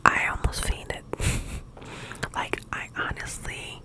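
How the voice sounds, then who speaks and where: Woman in a quiet, late-night ASMR whisper. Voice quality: breathy, unvoiced whisper. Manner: rambling, halting, filler "like". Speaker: ASMR video host. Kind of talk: whispered ASMR ramble, casual personal chat.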